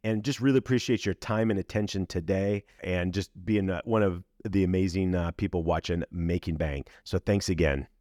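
A man's voice: sits low, moderate pace, hardly any pauses, a little mellow, dry recording. A man hosting a podcast, delivering upbeat, hyped introductions and interview questions. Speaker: podcast host.

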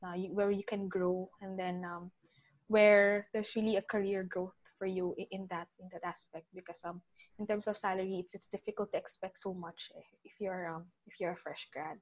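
A young woman in her twenties with a Filipino accent, a guest giving chatty big-sister advice and often trailing off softly. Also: mid-range voice, steady tone, moderate pace, muffled recording. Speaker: interview guest, older sister. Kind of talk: casual interview mixing English and Tagalog.

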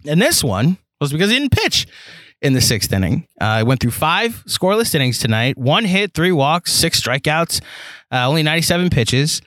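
A young man hosting a solo sports podcast, talking in an animated, rambling way with lots of fillers and restarts. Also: fairly high pitch, moderate pace, no echo. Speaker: podcast host.

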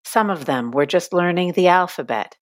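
A woman reading scripted documentary narration with measured, deliberate phrasing. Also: fairly low pitch, animated.

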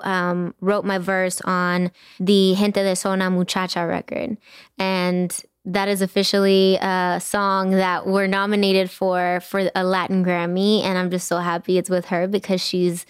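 A young woman hosting a podcast, chatting casually and gushing with warmth, slipping in Spanish phrases. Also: on the low side, clear, resonant tone, dry recording, clean studio sound. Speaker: podcast host. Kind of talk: casual chat.

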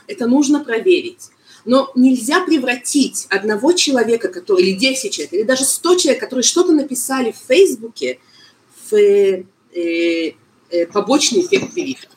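A woman's voice: a little high, poor audio. Woman, explaining stuff in an interview, keeps searching for words, bit of background noise. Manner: halting, searches for words, mixes in foreign terms. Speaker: medical expert guest being interviewed.

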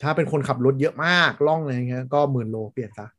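A man's voice: mid-range voice, very fast, a bit bright, no echo. Rambling, chatty man, dry sound. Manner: rambling, laughs often, trails off with fillers. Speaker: podcast co-host. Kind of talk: casual chat.

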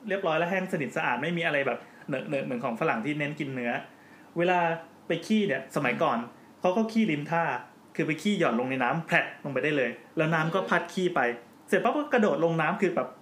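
A man's voice: on the high side, lively intonation, quick pace, a bit bright. A man hosting a podcast in casual chat, joking as he explains at length. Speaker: podcast host. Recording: roomy with faint background noise.

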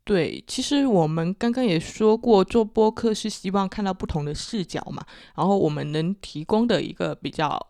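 A woman's voice: mid-range voice, normal speed, hardly any pauses, mellow, no room sound. A woman co-hosts a podcast in casual conversation. Her Mandarin carries a Teochew accent from Chaoshan. The recording is close and dry. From Chaoshan, Guangdong, China. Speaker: podcast co-host.

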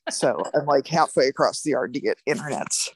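A woman's voice: extremely low pitch, lively intonation, fairly quick, a little hiss or hum. A woman co-hosting a podcast, chatting bluntly and offhandedly from outdoors in a farm yard. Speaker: podcast co-host, sheep farmer. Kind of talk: casual chat.

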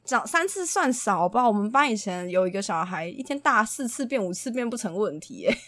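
A young woman, a preschool teacher, chatting casually as a podcast co-host and telling animated stories with frequent laughter. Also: mid-range voice, fairly quick. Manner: animated storyteller, laughs often. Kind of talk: casual chat.

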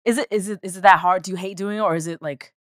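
A woman's voice: mid-range voice, fairly even intonation, very fast, no echo, clean studio sound. A woman co-hosting a podcast, chatting casually and playfully with the others. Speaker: podcast co-host. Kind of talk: casual banter.

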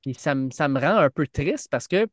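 Man, Quebec French accent, casual sports commentary, animated intonation, dry close recording. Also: on the high side, moderate pace, no room sound. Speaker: sports podcast co-host.

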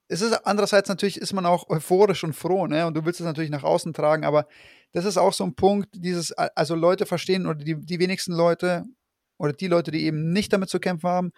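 Man, casual podcast host, rambling, fillers, fairly high pitch, dry sound. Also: a little mellow, no room sound. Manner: rambling, frequent fillers and restarts. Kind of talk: casual conversation.

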